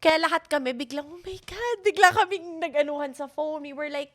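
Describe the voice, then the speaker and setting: A woman's voice: high-pitched, a little fast. A young adult woman hosting a podcast interview, affirming and code-switching often between Tagalog and English. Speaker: podcast host. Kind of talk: casual interview chat.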